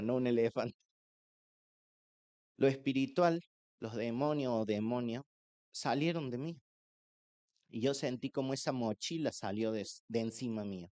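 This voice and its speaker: A man's voice: mid-range voice, darkish tone, dull audio. A man, a pastor with a Rioplatense Spanish accent, sharing an earnest, emotional personal testimony in church.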